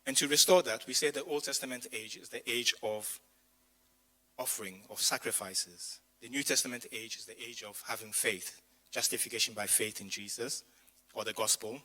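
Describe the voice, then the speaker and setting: A pastor, his voice strained after losing it, as he tells the congregation, preaches a chatty, story-filled sermon in a church community hall with asides to the listeners. He speaks at normal speed in a mid-range voice that sounds pushed and bright. The recording is rough.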